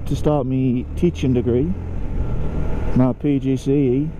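A man's voice: mid-range voice, fairly even intonation, a little slow, lo-fi sound. A young man in his twenties chatting in a rambling, self-deprecating way as he rides his motorbike, recorded on a helmet mic. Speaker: motovlogger. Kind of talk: casual talk while riding. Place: on a motorbike on open roads. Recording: road and wind noise. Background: traffic and engine noise.

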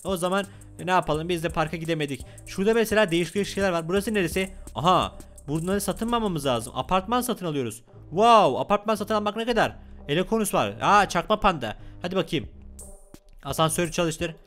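A man giving playful gameplay commentary as a gaming YouTuber, excitable and playfully whiny. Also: sits high, fast, faint music behind.

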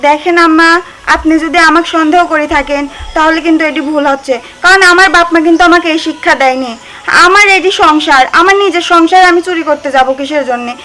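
Cast a high, bright young wife, pleading and hurt. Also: female voice, fast. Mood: defensive. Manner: pleading, defensive. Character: wronged young village daughter-in-law, earnest. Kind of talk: rural drama acting.

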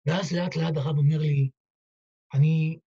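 A man, a rabbi, delivers a dramatic, heartfelt story as a sermon, slipping into the voices of the people in it. His voice sits somewhat high yet sounds mellow and husky. The recording is dull and lo-fi. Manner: dramatic, heartfelt retelling with quoted dialogue.

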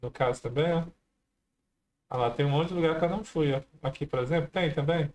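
A man's voice: a little high, a little fast, darkish tone, a little hiss or hum. Chatty man narrating his gameplay. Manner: chatty, talks to viewers, many exclamations. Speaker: gameplay streamer. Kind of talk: casual let's-play commentary.

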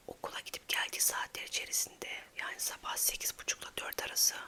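Female ASMR creator, hushed quiet night-time whisper, sharp and sibilant, informal chat.

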